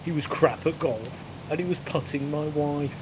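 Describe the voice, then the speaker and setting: A man's voice: a little high, normal speed, background noise, pitched above the performer's own voice, close to an everyday voice. A man voicing a bitter jailed golfer who sulkily insists he regrets nothing. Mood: defiant.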